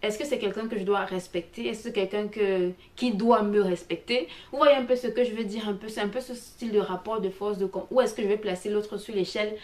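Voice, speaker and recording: A woman vlogger talks to her viewers in a casual, chatty way. Her voice sits at a middle pitch and she keeps an animated, personal tone. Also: brisk, hardly any pauses. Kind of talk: casual travel vlog.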